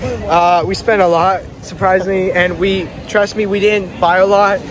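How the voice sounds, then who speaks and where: A teenage boy vlogging casually on a beach and hotel grounds, talking slangy and excitable into a phone held close. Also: sits high, moderate pace, rough recording. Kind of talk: casual handheld vlog chatter. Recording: loud music and crowd noise behind.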